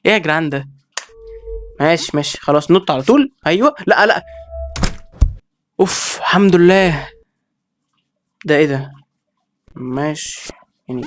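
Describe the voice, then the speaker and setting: A man with an Egyptian accent giving excitable let's-play commentary, reacting with quick exclamations and talking straight to his viewers. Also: on the high side, slight background noise. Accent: Egyptian Arabic. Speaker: gaming video creator.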